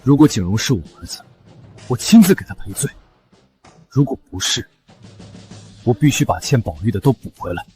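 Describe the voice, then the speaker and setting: An actor playing a firm, commanding nobleman in a costume drama, with a husky voice. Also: mid-range voice, big pitch swings, moderate pace, long pauses, darkish tone, faint music behind, natural voice. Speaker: nobleman, second young master.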